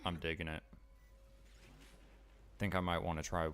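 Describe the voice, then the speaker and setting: A man's voice: low voice, flat delivery, measured pace, fairly bright tone. A man streaming a video game, chatting in a laid-back, casual way as he plays. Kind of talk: casual gameplay commentary.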